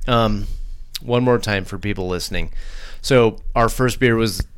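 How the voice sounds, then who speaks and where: A man's voice: fairly low pitch, measured pace, smooth. A young man hosting a casual podcast, rambling and laughing, a little buzzed and swearing freely. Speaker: podcast host. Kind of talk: casual chat.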